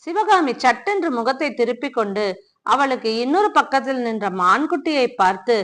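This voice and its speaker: A woman with a Tamil accent reads a novel aloud as the host of a story channel. Her narration is steady and expressive, and her voice sits fairly high. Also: normal speed.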